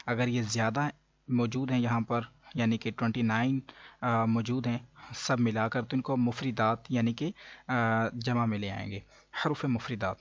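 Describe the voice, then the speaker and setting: A man teaching a beginner Quran reading lesson, explaining slowly with pauses and drawing out each letter sound to demonstrate. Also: medium pitch, fairly even intonation, no room sound, lo-fi sound. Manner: slow and explanatory, with frequent pauses and fillers. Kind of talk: patient spoken lesson.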